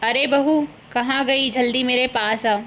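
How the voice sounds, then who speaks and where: A woman's voice: high voice, fairly even intonation, unhurried, fairly bright tone, a little hiss or hum. A woman voicing a scolding, greedy older village mother-in-law in a cartoon, bossy and scornful. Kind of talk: cartoon voice acting.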